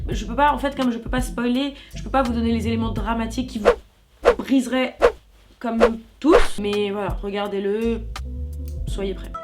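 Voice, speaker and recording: Chatty young woman over music. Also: medium pitch. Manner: animated, chatty, slangy and self-correcting. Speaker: YouTuber. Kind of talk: casual film review vlog.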